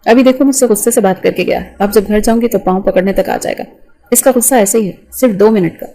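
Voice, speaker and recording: A woman voicing a kind, chatty middle-aged mother who runs a company, speaking gently in a storybook. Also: mid-range voice, natural voice. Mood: fond.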